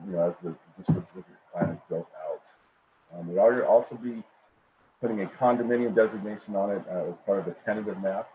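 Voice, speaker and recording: A very low-voiced middle-aged man presents a project at a public meeting, his voice muffled as if it came through a wall. The sound is thin and phone-like, with faint noise under it, and he keeps stopping on ums and repeated words. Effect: muffled, as if heard through a wall. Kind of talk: formal presentation over a video call. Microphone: computer microphone on a video call.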